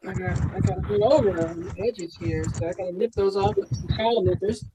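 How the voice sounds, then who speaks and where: A woman's voice: mid-range voice, fast talker, very noisy. A woman explaining a craft project in an easygoing group chat.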